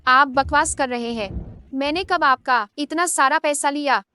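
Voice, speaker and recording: A woman dubbing the role of an older housemaid who is deep in debt, pleading one moment and coldly scheming the next. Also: measured pace, bright, forceful tone, dry recording. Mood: defiant. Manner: pleading, then cold and scheming. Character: scheming older maid, pleading then greedy. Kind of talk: Hindi drama dub.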